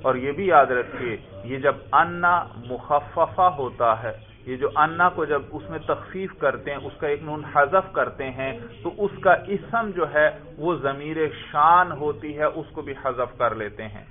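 A man teaching Arabic grammar in a classroom lesson. He asks his listeners questions, answers them himself, calls them "brother" and slows down to stress the Arabic examples. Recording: tinny, phone-like low-fidelity audio.

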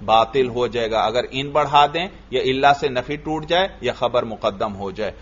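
A man with a medium-pitched voice teaches Arabic grammar in a classroom, chanting the text slowly before explaining it and quizzing his students. The recording sounds muffled.

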